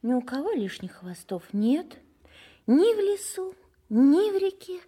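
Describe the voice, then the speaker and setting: A woman voicing a pestering female housefly in an audio fairy tale, with a nagging, whining, breathy voice. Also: sits high, very animated, unhurried, warm tone. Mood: sulky.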